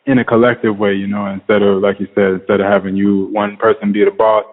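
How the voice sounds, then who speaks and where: A man with a lowish, very level voice conducts an interview in Rasta idiom. His delivery is informal and hesitant, feeling out each question. The recording is narrow and tinny. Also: level tone, fast talker. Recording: band-limited radio-like sound with long reverb.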